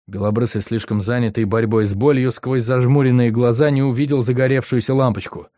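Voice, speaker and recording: A man reading an audiobook in a steady, even storytelling voice. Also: medium pitch, brisk, no echo, clean studio sound. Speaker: audiobook reader. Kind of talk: audiobook narration.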